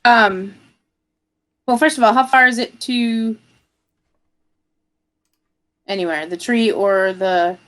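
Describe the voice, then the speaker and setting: A woman's voice: fairly high pitch, unhurried, fairly bright tone. A woman playing a tabletop game, chatty and hesitant with many fillers. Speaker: player. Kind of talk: casual tabletop play.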